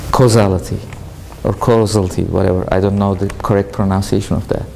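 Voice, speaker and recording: A university lecturer with a Turkish accent, a native Turkish speaker, giving a classroom lecture and often asking questions, then answering them himself. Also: male voice, sits low, monotone, quick pace, gravelly, warm tone, slight background noise, poor audio. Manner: explanatory, asks and answers his own questions. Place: lecture hall.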